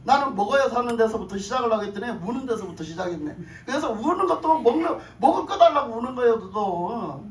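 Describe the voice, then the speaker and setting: A woman pastor speaks briskly and expressively in a slightly high voice with few pauses as she preaches. Questions to the congregation, repeated phrases, and chuckles fill her sermon. The church sanctuary echoes, she sounds distant, and faint noise lingers.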